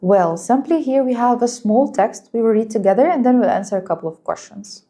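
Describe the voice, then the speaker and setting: A woman whose first language is Arabic teaching an English lesson, speaking slowly and clearly and praising her students. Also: fairly high pitch, dark tone. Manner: patient, encouraging, slow and clear, explains in Arabic too.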